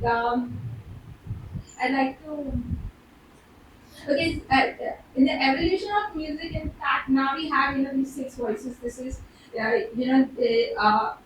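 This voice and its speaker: A woman with an Indian accent talking informally on stage at an open mic, nervous and hesitant, with halting false starts. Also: high voice. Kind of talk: informal rambling talk on stage. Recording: very echoey room, distant mic, background noise.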